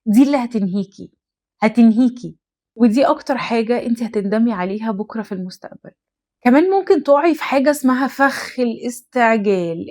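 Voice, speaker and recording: A woman's voice: a little high, a little mellow. A young adult woman with an Egyptian accent, hosting an advice talk and speaking earnestly and emphatically, straight to the listener. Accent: Egyptian Arabic. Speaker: host. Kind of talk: direct-to-camera advice talk.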